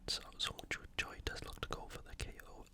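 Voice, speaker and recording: A video host from the United Kingdom previews sports in an ASMR style, whispering softly and breathily. The delivery stays hushed and unhurried throughout.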